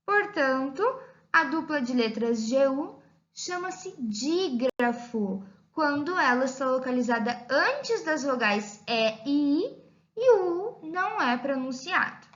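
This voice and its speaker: A woman with a Brazilian Portuguese accent leads a recorded lesson for young children. Her voice is bright and sits high, and she drags out each phrase in a slow, sing-song teacher style. The audio sounds a little dull and lo-fi. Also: lively intonation. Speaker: primary school teacher.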